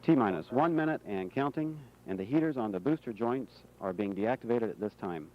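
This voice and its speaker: A man giving formal, measured launch countdown commentary in an official announcer's manner, like mission control radio. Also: lowish voice, lively intonation, slight background noise. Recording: dull, band-limited radio feed.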